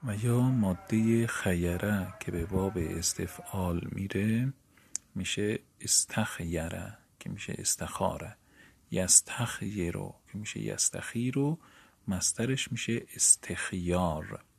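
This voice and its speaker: A man's voice: sits low, gravelly, a little mellow, breathy edge. A man giving a methodical lecture on grammar rules to fellow seminary students, walking through each step of a rule. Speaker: teacher of Arabic morphology.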